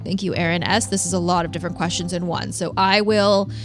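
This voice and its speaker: Woman podcast host with vocal fry. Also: fairly low pitch, steady tone, fairly quick, music in the background. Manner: casual, peppered with "like". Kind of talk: chatty advice podcast talk.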